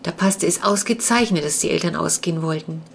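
Woman narrator, lower voice, clear and even children's audiobook reading. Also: fairly quick, slight background noise. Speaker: author reading her story.

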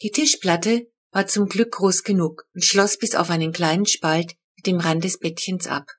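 A woman reading her own children's book aloud, calm and measured. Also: lowish voice, husky. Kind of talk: audiobook narration.

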